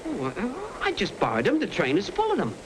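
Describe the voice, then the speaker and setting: A man's voice: high voice, wildly swooping pitch, a little fast. An actor playing a bumbling, eager-to-please sidekick in a 1930s screwball comedy film, stammering through his banter. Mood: sheepish. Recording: noisy old 1930s film soundtrack.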